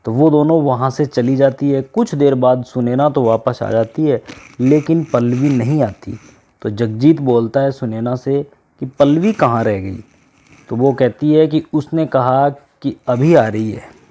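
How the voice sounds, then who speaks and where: A man's voice: medium pitch, unhurried, mellow. A man narrating a story as a storyteller, addressing listeners directly and voicing the dialogue himself.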